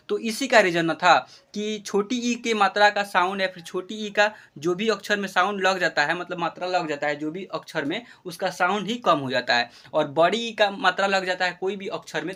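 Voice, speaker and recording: A man teaching Hindi script in a classroom lesson, drawing out syllables in a slow chant and checking that the children follow. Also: sits high, sharp tone. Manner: instructive, checks understanding with the class.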